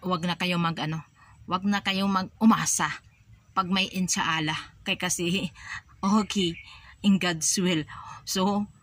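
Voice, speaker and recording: Soft-spoken Filipino woman teaching words. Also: on the low side, fairly even intonation, slow, long pauses, no echo. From Philippines. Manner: patient, repeats each word and gives examples. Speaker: language teacher for overseas workers. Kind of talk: casual spoken lesson.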